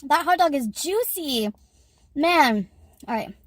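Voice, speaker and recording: Woman, high voice, dry close sound, giggly casual vlog chat. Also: animated, slow pace, no echo. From Canada. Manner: chatty, giggles often. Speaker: YouTuber.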